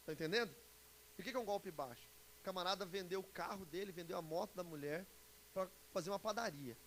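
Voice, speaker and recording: A low-quality live recording with background hiss captures a Brazilian pastor in his 40s at a church conference. His high-pitched, fairly bright voice stays chatty and playful as he teaches informally and puts questions to the audience.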